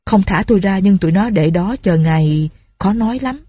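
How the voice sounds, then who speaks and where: A woman's voice: medium pitch, moderate pace, husky, no echo, studio quality, lightly acted. Woman doing a frightened young servant girl. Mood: hushed. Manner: hushed, pleading.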